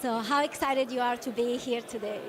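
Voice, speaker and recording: A woman's voice: a little high, fairly quick. A woman working as a red carpet host, interviewing a guest at a film festival. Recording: crowd chatter behind, outdoor event. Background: crowd chatter.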